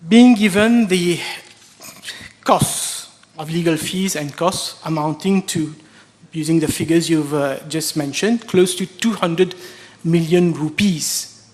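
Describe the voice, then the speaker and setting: A man's voice: fairly high pitch, slow pace, a little mellow. A man with a Mauritian accent giving a formal, pointed parliament speech as a member questioning a minister.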